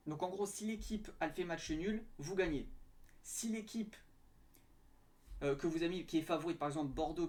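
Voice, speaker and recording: Casting: young man, slightly high voice, halting and filler-heavy, casual screen tutorial. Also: a little mellow. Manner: hesitant, many fillers and restarts. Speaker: betting tips youtuber.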